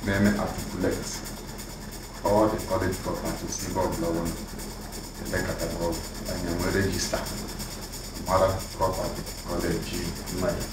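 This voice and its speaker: Deep-voiced Nigerian man in an echoey office. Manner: mixes Igbo with English. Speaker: acting college provost. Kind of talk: informal report to visiting chiefs. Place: office room. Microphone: far camera. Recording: echoey room from far off, noisy.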